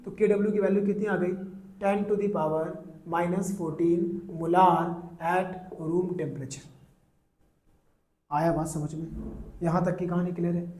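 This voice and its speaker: A man teaching chemistry in a classroom lecture, asking students questions and answering them himself, calling them "beta," and drawing out English terms slowly. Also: high voice, fairly even intonation, a little mellow, roomy sound. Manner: mixes English terms into his talk, drawn out slowly.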